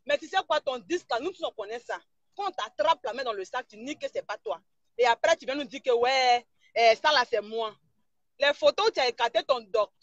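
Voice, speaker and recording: High-voiced woman, mocking rant. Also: lively intonation, fairly quick, no echo, muffled recording. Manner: mocking, insulting, scolding. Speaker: blogger. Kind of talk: live-stream gossip rant.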